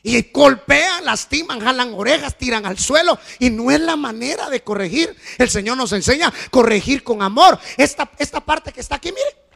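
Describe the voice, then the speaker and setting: A middle-aged male pastor preaching an animated sermon, swinging from shouting to soft storytelling. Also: extremely high pitch, normal speed, vocal fry.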